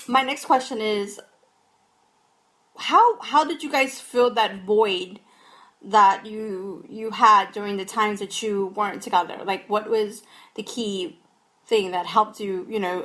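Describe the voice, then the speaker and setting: A woman's voice: medium pitch, steady tone, unhurried, a bit bright. A young woman hosting a podcast, asking long, rambling questions in a scatterbrained, casual way. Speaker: podcast host.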